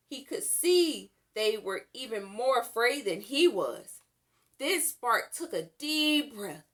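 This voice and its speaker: Here a woman whose voice sits on the high side reads a kids' story, her delivery unhurried and full of expression, like a practiced storyteller.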